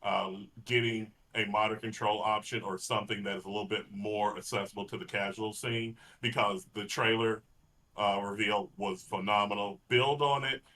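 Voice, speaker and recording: A man from Texas with a Texan accent, co-hosting a casual fighting-game podcast and making his points in an earnest, deliberate way. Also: on the low side, fairly even intonation, pushed and bright. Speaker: podcast co-host. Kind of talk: casual chat.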